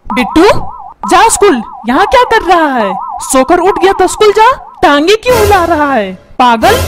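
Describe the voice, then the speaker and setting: A woman voicing a short-tempered shouting cartoon dad. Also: very high voice, very animated, normal speed, noisy background. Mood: angry. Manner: yelling, scolding, self-pitying. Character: short-tempered shouting middle-aged father. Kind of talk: cartoon voice acting. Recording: music playing underneath.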